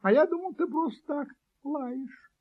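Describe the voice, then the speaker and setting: A man's voice: very high voice, measured pace, pitched above the performer's own voice. A man voicing a naive, curious little male kitten in a storybook reading, earnest and puzzled. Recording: dull lo-fi recording.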